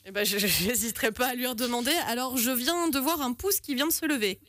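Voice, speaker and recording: A woman's voice: fairly high pitch, quick pace, fairly bright tone, no echo. A woman hosting a live radio talk show from a studio, chatty and reading out listener messages. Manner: chatty, reads listener messages, laughs easily. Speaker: radio host. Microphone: studio microphone.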